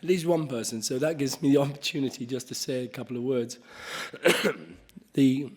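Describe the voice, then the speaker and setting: A man chairs a conference panel in a hall, speaking off the cuff. His delivery is halting, full of restarts and occasional coughs, at a middling pitch. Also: warm tone.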